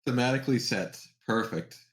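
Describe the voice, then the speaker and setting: A man's voice: mid-range voice, normal speed. Jokey man player at a game table. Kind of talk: casual tabletop play.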